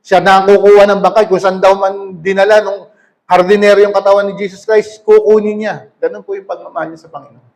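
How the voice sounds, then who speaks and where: Male preacher, high voice, reads scripture then explains it plainly, pauses to check in with listeners. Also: flat delivery, a little mellow. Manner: reads verses aloud then explains them, asking "okay?". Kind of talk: sermon reading and explaining scripture.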